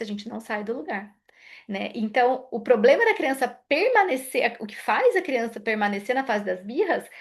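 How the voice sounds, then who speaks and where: A woman with a Brazilian accent, a psychologist giving a live talk on parenting. She explains in a conversational way, often checks in with tag questions and acts out little dialogues. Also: fairly high pitch.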